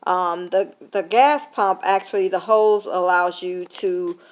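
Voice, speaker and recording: A woman's voice: on the low side, fairly even intonation, measured pace. Tired woman sharing a casual faith reflection. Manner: conversational, many fillers, retelling with quoted dialogue. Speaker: vlogger sharing a faith lesson. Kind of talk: casual reflective talk to camera.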